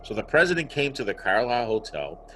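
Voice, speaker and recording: A man's voice: medium pitch, brisk, soft background music, rough recording. A man who is a guest author, telling a story animatedly over a video call. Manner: animated storyteller, acts out quotes. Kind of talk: conversational storytelling.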